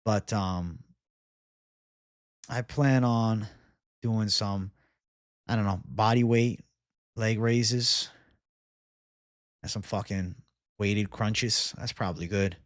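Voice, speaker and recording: A man's voice: lowish voice, takes it slowly, long pauses, no room sound. Casual, slangy man livestreaming, dry close sound. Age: 20s. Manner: slangy bro-talk with frequent swearing. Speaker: livestream host. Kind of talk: casual livestream chat, reading and answering viewer comments.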